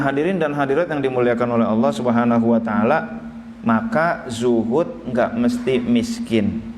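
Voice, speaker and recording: A man's voice: mid-range voice, a little mellow, slight background noise. A man from Indonesia preaching a sermon, telling a story and acting out its characters, then reading Arabic text and translating it. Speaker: Islamic preacher.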